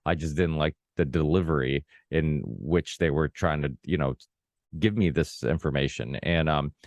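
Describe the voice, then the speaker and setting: The podcast host is a man of about forty, born in Portugal and a native Portuguese speaker, with a bass voice and a moderate pace. In this casual long-form conversation he rambles, restarting often and leaning on "you know, like". The recording is dry.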